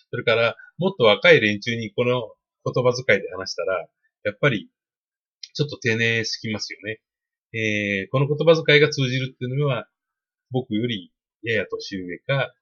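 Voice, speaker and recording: A man's voice: fairly low pitch, fairly bright tone, slightly rough, dull audio. A middle-aged man talking casually and politely about marketing, explaining at length with many fillers. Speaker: podcast host on email marketing. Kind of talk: casual spoken advice monologue.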